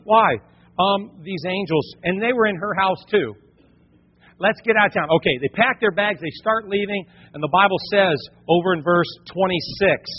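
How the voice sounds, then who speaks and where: A male pastor preaching a sermon in an animated way, rising to near shouts when he drives a point home. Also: high voice, husky. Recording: dull lo-fi sound with long hall reverb.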